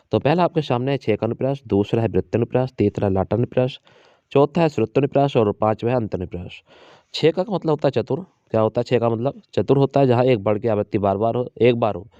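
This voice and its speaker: Man teaching exam prep, mellow and dry. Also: medium pitch, no room sound. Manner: repeats key points, quizzes students rhetorically; slows to recite verse lines. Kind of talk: exam coaching lesson. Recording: dry, dull lo-fi sound.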